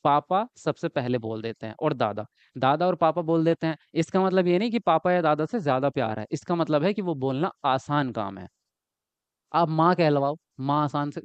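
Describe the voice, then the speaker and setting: Lively male teacher giving an online lesson. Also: on the high side, clean tone, dry recording, muffled recording. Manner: lively, repeats words and asks students if they follow. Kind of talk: online exam-prep lecture.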